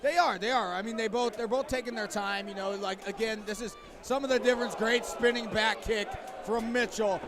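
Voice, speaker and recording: A man with a high voice works as a color commentator at a live fight. He analyzes technique in a sports broadcast style, with a clearly audible crowd around him. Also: steady tone, moderate pace. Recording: loud crowd at live venue.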